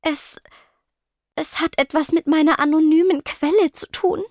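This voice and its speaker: A woman voicing a shy, nervous teenage ghost girl who speaks softly and stammers. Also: high voice, moderate pace, no room sound, studio quality, pitched above the performer's own voice, close to an everyday voice. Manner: soft, stammering, timid.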